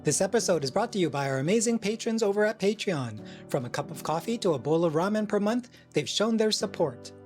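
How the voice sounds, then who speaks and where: A man's voice: high-pitched, animated, fairly quick, few pauses, a little mellow. Upbeat male podcast host over faint music. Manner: upbeat scripted announcements. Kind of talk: podcast intro and interviewing.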